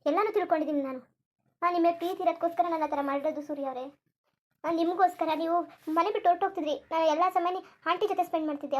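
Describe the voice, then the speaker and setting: A woman voicing a lovesick, clingy young woman in a cartoon, pleading and repeating herself insistently. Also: extremely high pitch. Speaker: cartoon character. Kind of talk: Kannada cartoon voice acting.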